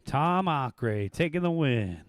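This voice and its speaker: A man's voice: fairly high pitch, very animated, a little slow, dry recording, studio quality. A man giving live race commentary in a casual, chatty, exclaiming way as the announcer at a track.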